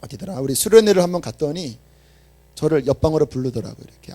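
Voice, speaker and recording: A man preaching a sermon as a pastor, telling stories with animated emphasis and swelling on his main points. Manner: animated storytelling, dropping low and quiet to act out quoted speech; emphatic, rising in pitch and volume on key points.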